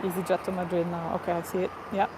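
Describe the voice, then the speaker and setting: Talking fast in a lowish, level voice, a woman runs a relaxed livestream from outside near an airport and laughs often as she chats with viewers. She speaks non-native English with an accent that isn't Portuguese or Spanish. Traffic and other ambient sounds can be heard around her.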